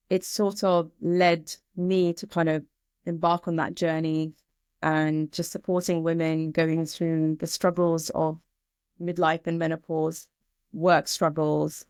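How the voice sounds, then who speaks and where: A woman doctor being interviewed as a guest over a video call, earnest, speaking in quick bursts. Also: sits low, a little mellow, no echo, clean studio sound. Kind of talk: casual interview.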